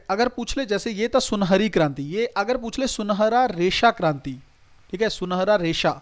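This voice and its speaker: A man, teaching a recorded online exam-prep lecture. He talks straight to his students in a chatty, repetitive way. He keeps checking that they follow and tells them to note things down. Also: fairly high pitch. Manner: conversational, repetitive teaching with frequent "okay" checks.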